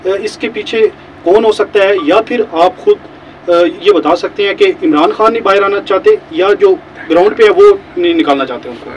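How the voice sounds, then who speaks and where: Male reporter, polite and winding, somewhat high-pitched, faint noise behind, mic well off. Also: normal speed. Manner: polite, long winding questions. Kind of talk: questioning at a press talk. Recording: voice caught from a distance.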